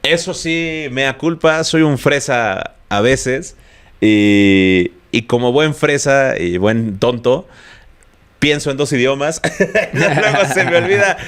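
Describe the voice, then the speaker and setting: A young man with a Mexican accent co-hosting a podcast. He keeps it casual and slangy, with a posh edge to how he talks. His pitch sits in an ordinary middle range. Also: lively intonation, slow pace, clean tone. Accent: Mexican Spanish. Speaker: podcast co-host. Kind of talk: casual chat.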